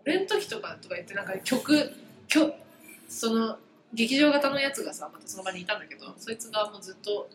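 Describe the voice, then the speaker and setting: A woman co-hosting a casual chat podcast, venting about her workday in an animated storytelling way. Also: mid-range voice, fairly quick, a little hiss or hum. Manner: venting, animated storytelling with many acted quotes. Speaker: podcast co-host. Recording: roomy echo with faint ambience.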